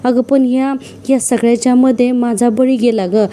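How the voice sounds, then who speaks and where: A woman's voice: on the high side, fairly even intonation, moderate pace, dark tone, a little hiss or hum, voice pushed up, lightly acted. A woman voicing a heartbroken, pleading young man. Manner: pleading, accusing.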